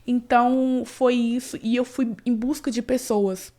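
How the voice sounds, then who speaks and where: A woman tells her own story as an interview guest. Her fairly high voice runs earnest and personal, full of fillers and restarts. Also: steady tone, a little slow, warm tone. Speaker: interview guest, cleaning business owner. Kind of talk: emotional personal story in casual conversation.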